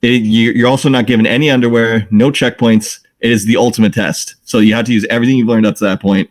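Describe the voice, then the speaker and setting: A man's voice: mid-range voice, fairly even intonation, quick pace. A man co-hosting a casual gaming podcast, joking and teasing the others. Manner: playful, teasing banter. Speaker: podcast co-host.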